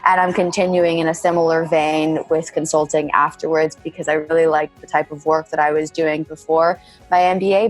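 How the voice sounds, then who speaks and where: A woman of about thirty, born in Bulgaria and raised in California, gives measured, reflective interview answers about her MBA and often says "kind of". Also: low-pitched.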